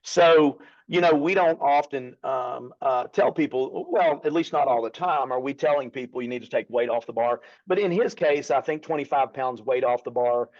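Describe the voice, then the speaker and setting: A man's voice: mid-range voice, moderate pace, few pauses, dull audio. A man with an Appalachian accent giving casual coaching commentary in a folksy, emphatic way, often addressing his partner. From Appalachia, United States. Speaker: strength coach, co-host.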